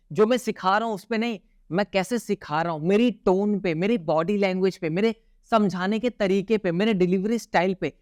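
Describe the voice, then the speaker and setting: A young man teaching a recorded online course lesson. He is emphatic, asks rhetorical questions and answers them himself, checks in with the viewer again and again, and shifts his tone and pace on purpose with deliberate pauses. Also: high voice, clear, resonant tone, no echo, clean studio sound. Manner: emphatic, keeps asking "theek hai?" to check in.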